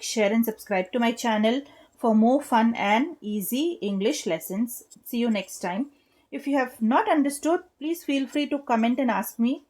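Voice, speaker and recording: A young woman teaching an English literature lesson, explaining slowly and patiently and stopping to spell out each point for her students. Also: a little high, darkish tone. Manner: slow, patient, spells out rhyme letters and claps rhythm.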